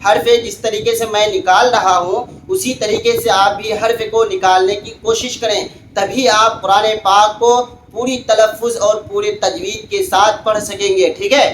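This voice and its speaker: A man's voice: high voice, fairly even intonation, fairly bright tone. Man teaching Quran spelling, echoey room. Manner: slow drawn-out recitation between quick explanations. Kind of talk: spelling out Quranic words for learners. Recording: echoey room with faint background hiss.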